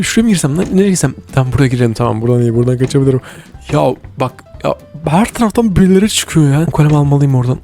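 A man giving excitable live gameplay commentary, reacting with quick exclamations and urgent repeated words. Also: on the high side. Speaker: gaming video creator.

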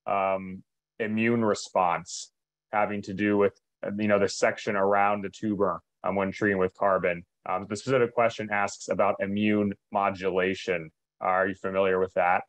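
A man's voice: deep voice, little pitch movement. A man moderating a webinar Q&A, reading out audience questions in a polite, reassuring way. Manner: polite, reassuring, slightly rushed.

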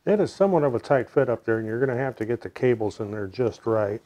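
A middle-aged American man narrating a hands-on repair casually, in a low-key way, as if muttering to himself while he works. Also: animated, fast, dull audio. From United States. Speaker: DIY repair video host. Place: home room, indoors.

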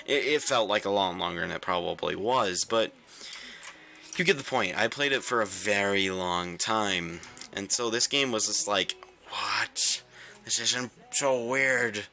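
A man's voice: on the low side, normal speed, creaky, bright, forceful tone, faint music behind. A young man casually commenting while he plays a game, rambling with lots of fillers. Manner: rambling, chatty, reacting to the game, many fillers. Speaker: gaming video host. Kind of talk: casual let's-play commentary.

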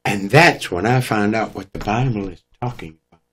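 A man's voice: on the low side, moderate pace, fairly bright tone, breathy edge. A man, a guest preacher, telling his testimony in an emphatic, dramatic preaching manner. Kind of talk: testimony storytelling.

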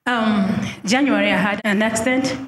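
A woman's voice: medium pitch, normal speed, a bit bright. A woman from Zambia giving a hesitant testimony into a handheld mic, with many fillers. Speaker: congregant seeking healing. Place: church hall. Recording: echoey hall with crowd noise.

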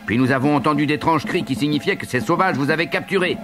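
A man's voice: a little high, fast, voice pushed up, close to an everyday voice. A man doing a raised, urgent frontier scout. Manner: urgent, practical. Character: male frontier hunter and scout, steady guide. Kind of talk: audiobook character voice. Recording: loud music underneath.

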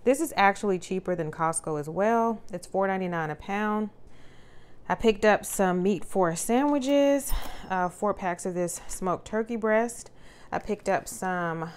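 A woman narrating a grocery haul at her kitchen counter in a relaxed, chatty way with lots of fillers. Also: mid-range voice, measured pace, clean tone. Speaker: vlogger showing a grocery haul. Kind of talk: casual narration over product shots. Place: indoors at a home kitchen counter.

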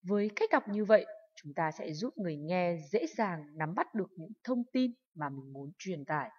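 A woman's voice: on the low side, expressive, moderate pace, darkish tone, slightly rough, muffled recording. A woman teacher carefully explaining sentence stress and intonation, reading example sentences aloud. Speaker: English teacher. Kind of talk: explaining pronunciation in a lesson.

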